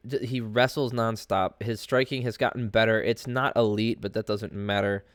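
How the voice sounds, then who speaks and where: Male sports podcaster, low and clean-toned, sick with a cold, informal rambling delivery, close dry sound. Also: smooth, no room sound. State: under the weather, congested with a cold. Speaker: podcast host. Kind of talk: casual solo sports commentary.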